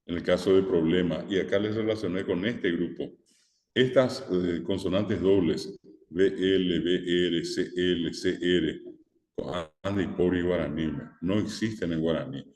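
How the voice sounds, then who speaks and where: A man's voice: sits low, fairly even intonation, a little slow, darkish tone. A male teacher gives a recorded class, explaining step by step and checking in with "¿verdad?". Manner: explanatory, repeats key words, frequent "eh" and "¿verdad?". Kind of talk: recorded online lecture. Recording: echoey room with long reverb.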